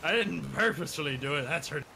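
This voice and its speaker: A man's voice: fairly high pitch, expressive, fast talker. A man bantering casually in a game, teasing, sweary and given to mock-pirate phrasing. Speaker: gamer, crewmate. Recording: clear game noise behind voice. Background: boat and water game sounds.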